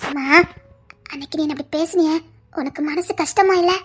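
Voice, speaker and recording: A woman's voice: high-pitched, a little fast, darkish tone, close to an everyday voice. A woman dubbing a defiant young woman in a comic serial spoof, with a Tirunelveli Tamil accent. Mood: pleading.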